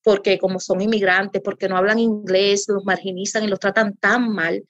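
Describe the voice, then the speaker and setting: A woman's voice: medium pitch, flat delivery, normal speed, fairly bright tone, no echo. A woman pastor speaking earnestly as an interview guest, in a preacherly way that repeats for emphasis. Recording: dull lo-fi audio.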